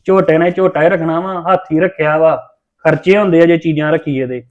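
Punjabi man, quick-fire and mocking, slightly high voice, lo-fi dull sound; brash younger-brother type. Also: steady tone. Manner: boastful, teasing, brash. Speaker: brother in a family drama. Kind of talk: Punjabi web-series acting.

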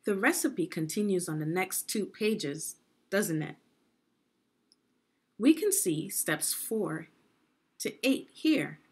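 Here an education consultant leads a children's read-aloud in a slightly low, gravelly voice. Deliberate, teacher-like phrasing, lively swings in pitch, and questions aimed at the listener mark her delivery.

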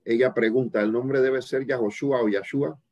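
A man teaching a religious study online, answering viewer questions in a halting way with many fillers and restarts. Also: medium pitch, steady tone, a little mellow, muffled recording.

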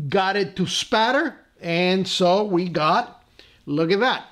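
A man hosting a casual scale-model painting tutorial at his workbench, relaxed and full of "uh" fillers and friendly asides. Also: high-pitched. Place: tabletop workbench indoors.

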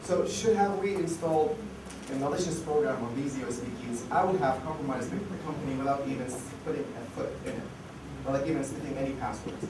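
In an echoey conference hall, a man gives a casual talk full of fillers and restarts while losing his voice. He speaks quickly at a medium pitch. A far mic captures him, and the recording is noisy.

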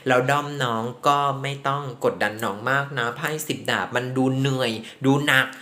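A man's voice: mid-range voice, moderate pace, sharp tone, slight background noise. A man doing a tarot reading in a chatty, affectionate way, speaking to the contestant as to a younger sibling. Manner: chatty, affectionate, calls the subject "child". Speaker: tarot reader. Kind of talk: casual tarot reading commentary.

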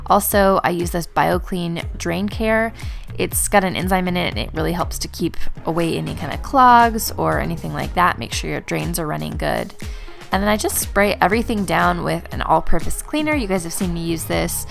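A woman's voice: on the low side, expressive, normal speed, gravelly, soft background music. A woman in her thirties, a stay-at-home mom and vlogger, chatting casually in a voice-over about her cleaning, with plenty of fillers. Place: bedroom at home.

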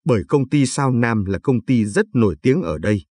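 A man narrating a read-aloud story in a calm, measured manner, with a husky voice. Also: mid-range voice, no echo. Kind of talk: scripted narration.

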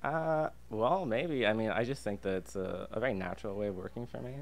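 On the low side and fairly quick, the voice is that of a young adult Canadian man from Alberta who does freelance illustration and design. He chats easily as a podcast interview guest in a diner's podcast booth, with clear ambient sound around him.

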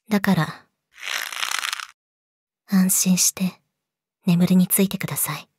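A young woman playing a yandere girlfriend in a role-play audio drama, politely sweet, possessive and menacing, slipping into breathy whispers, close to the mic. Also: a little high, a little mellow, a little hiss or hum. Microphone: close studio mic, dry.

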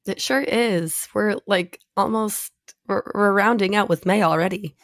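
Hoarse, raspy young woman podcast co-host. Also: mid-range voice, a little slow, no echo, studio quality. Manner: chatty, frequent "like" and "um" fillers. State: hoarse, sore throat from illness. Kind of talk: casual chat.

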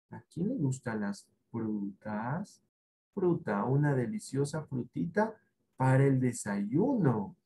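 Ecuadorian male primary teacher, online class for kids; slow, encouraging, repetitive. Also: medium pitch, warm tone. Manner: patient, encouraging, repeats syllables slowly. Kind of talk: online class for young children.

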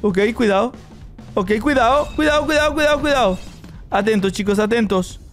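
Young guy hyping up his game run, super high voice, keeps repeating stuff, little bit of game music behind. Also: fairly quick. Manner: excitable, hypes viewers, repeats phrases. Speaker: gaming host. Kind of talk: excited Roblox gameplay commentary.

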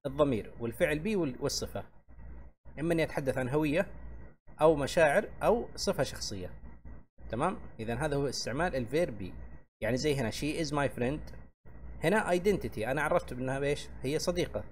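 A man's voice: fairly high pitch, lively intonation. Guy explaining english grammar, keeps asking tamam?, faint hiss behind him. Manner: checks in with a frequent "tamam?" and repeats each point slowly; reads English examples slowly, then translates. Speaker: English teacher. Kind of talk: grammar lesson explained in Arabic.

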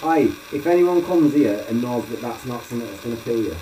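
A man exploring an abandoned house, chatting excitably and swearing now and then as he points things out. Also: mid-range voice, fairly quick. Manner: excitable, swears, lively commentary. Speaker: urban explorer. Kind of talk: casual exploring chat. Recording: echoey empty room, distant mic, hiss.

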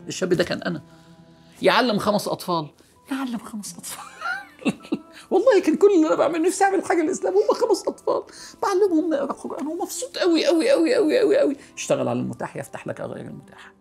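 A middle-aged man with an Egyptian accent giving an earnest, coaxing religious talk, repeating words for emphasis and sinking to a soft hush. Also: high-pitched, gravelly. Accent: Egyptian Arabic. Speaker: preacher.

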